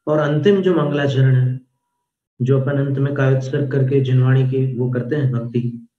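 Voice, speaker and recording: A man teaching a devotional Jain hymn, spelling out sounds slowly and carefully, then chanting verses in a rising melody. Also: medium pitch, steady tone. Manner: slow, careful pronunciation drills. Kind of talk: devotional recitation lesson. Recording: roomy, dull lo-fi audio.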